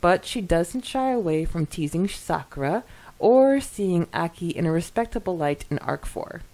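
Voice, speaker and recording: A podcast co-host with a slightly low-pitched female voice reads out listener comments and chats casually. She's expressive and giggly, exclaiming often, and talks at a normal pace on a rough recording.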